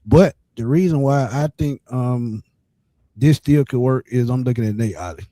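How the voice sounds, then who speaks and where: A man hosting a sports show, explaining a team's roster in casual, measured talk. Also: medium pitch, mellow, no echo. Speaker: sports podcast host.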